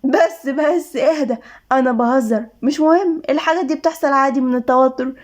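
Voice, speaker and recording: A woman's voice: high-pitched, brisk, natural voice. A woman with an Egyptian accent voicing a playful young bride in a storybook reading, teasing and cheerful. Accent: Egyptian Arabic.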